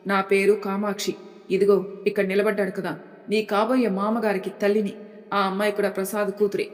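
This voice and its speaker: A woman voicing a gentle, sorrowful elderly grandmother in an audio story, explaining things in a pleading way. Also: mid-range voice, flat delivery, a little fast, natural voice. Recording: long hall reverb.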